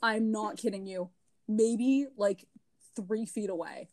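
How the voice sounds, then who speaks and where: A woman's voice: mid-range voice, slow pace, darkish tone. Joking woman co-hosting a film podcast. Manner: joking, sarcastic asides. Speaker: podcast co-host. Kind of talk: casual film review chat.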